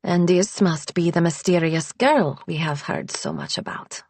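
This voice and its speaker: A woman's voice: on the low side, big pitch swings, unhurried, a little mellow, breathy edge, dry recording, exaggerated voice. Woman voicing an older housekeeper, Eastern European accent, cool, restrained, dry audiobook sound.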